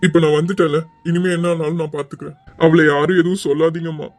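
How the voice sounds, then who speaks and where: A performer voicing a gentle, protective village man in an animated drama, calm and reassuring. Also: mid-range voice, fast, lightly acted. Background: music.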